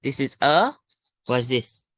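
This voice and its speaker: Informal primary English teacher, Malaysian or Singaporean accent, unhurried and colloquial, close dry sound. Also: medium pitch, sing-song, fairly bright tone, dry recording. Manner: colloquial Singlish-style particles, thinking aloud. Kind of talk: informal lesson, talking through exercises.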